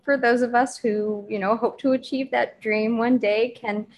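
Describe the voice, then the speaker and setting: Woman podcast host, bright higher voice, enthusiastic and encouraging with her guest. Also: steady tone, moderate pace. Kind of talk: casual interview.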